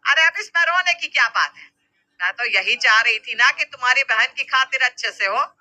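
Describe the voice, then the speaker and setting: Brief: woman voicing a bossy cartoon mother-in-law, loud, bright, cutting. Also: high voice, lively intonation, moderate pace, voice pushed up, full character voice, low-quality recording. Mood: stern. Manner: loud, sharp, scolding. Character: stern scolding middle-aged mother-in-law.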